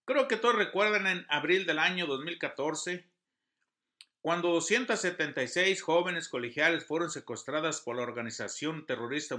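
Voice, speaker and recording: A man's voice: fairly high pitch, bright, forceful tone. A man giving an earnest devotional sermon, reading scripture and news with emphasis. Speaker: preacher.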